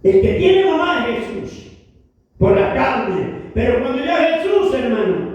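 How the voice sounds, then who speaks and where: A high-pitched man delivers an emphatic church sermon, swinging into loud shouts and tossing in brother and hallelujah. He is heard from well back in a large, reverberant hall. The sound is roomy and distant. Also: big pitch swings, measured pace, lo-fi sound, slight background noise. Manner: emphatic, bursts into shouting, peppers speech with "hermano" and "aleluya". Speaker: preacher. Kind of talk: evangelistic sermon. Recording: echoey hall, voice from far off the mic.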